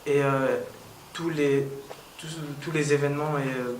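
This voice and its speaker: Hesitant eighteen-year-old man, flat delivery. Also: on the high side, unhurried. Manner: hesitant, many "euh" fillers and restarts. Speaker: local youth council member. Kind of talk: casual interview answers. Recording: roomy, distant mic, noisy ambience.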